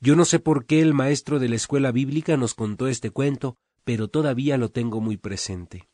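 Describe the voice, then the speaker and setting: A man's voice: mid-range voice, normal speed, dark tone, no echo. A man preaching a sermon, telling a story in an earnest, emphatic way.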